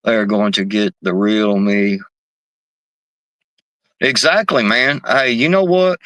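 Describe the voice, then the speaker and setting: A man's voice: lowish voice, slow pace, a bit bright, no room sound. A man hosting a casual live stream, reading chat messages, talking loosely and profanely and saying "man" and "bro" all the time. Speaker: livestream host reading chat.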